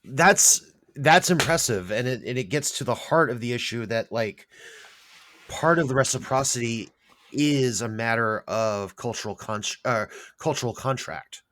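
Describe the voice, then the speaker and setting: A man in a casual podcast conversation, talking in an agreeable, measured way. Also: medium pitch, fairly bright tone.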